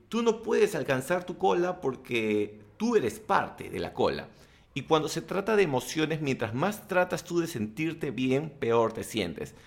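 A man talks straight to camera, handing out self-help tips. He is blunt and slangy, with animated asides. His voice sits at an ordinary mid pitch. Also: gravelly. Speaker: self-help vlogger and coach. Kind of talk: motivational talking-to-camera monologue.

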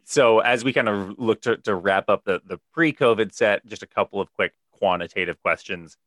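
A man hosting a podcast interview, asking questions in a halting way and repeating words. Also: fairly low pitch, fairly bright tone, dry recording. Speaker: podcast host.

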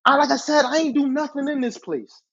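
A high-voiced man rants through a storytime episode, exasperated and swearing freely as he keeps turning to ask his listeners for their opinion. The recording is dull and lo-fi. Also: fairly quick, fairly bright tone. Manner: exasperated, profane, addresses listeners directly. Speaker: podcast host. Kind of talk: storytime rant. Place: apartment.

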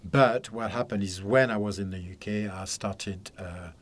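A man's voice: lowish voice, normal speed. A man in his seventies from Algeria and France, a psychic counsellor guest telling rambling stories with frequent laughs in a podcast studio. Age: 70s. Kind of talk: casual interview chat.

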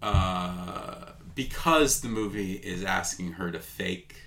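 A man's voice: deep voice, slow, creaky, sharp tone, slight background noise. A man co-hosting a casual movie discussion, rambling with lots of "like" and "um". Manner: rambling, many fillers like "like" and "um". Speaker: podcast co-host.

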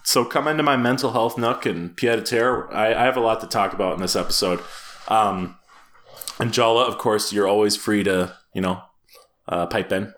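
A man co-hosts a podcast in casual conversation, his slightly low voice moving at normal speed with a fairly bright tone. He rambles with fillers and restarts and keeps bursting into laughter.

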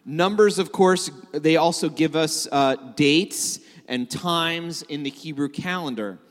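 A man's voice: on the high side, slow pace. Joking male preacher in a reverberant hall. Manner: joking, conversational with fillers. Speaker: messianic rabbi preaching. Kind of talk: sermon.

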